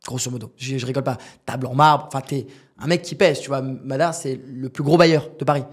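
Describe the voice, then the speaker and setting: A man's voice: mid-range voice, fairly even intonation, fairly quick, husky. A man in his twenties, a business founder and podcast guest, telling a story casually, acting out dialogue and speaking with slang and asides to the host.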